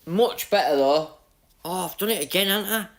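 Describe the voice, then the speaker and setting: A young man with a Yorkshire accent, a gaming livestreamer, chats casually with his viewers while playing a racing game, greeting them by name and laughing at his own luck. His voice sits high and moves fairly quickly.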